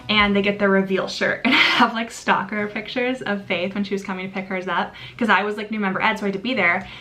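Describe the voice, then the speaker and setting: This young adult American woman has a medium-pitched, sharp-toned voice. A vlogger and sorority member, she tells a casual storytime like a bubbly sorority girl, gushing, giggling, and saying "like" a lot.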